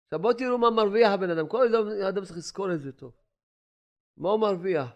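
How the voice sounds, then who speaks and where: An older rabbi giving a Torah lesson, preaching emphatically with repeated phrases and rhetorical questions, moving between loud exclamations and quiet asides. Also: male voice, high-pitched.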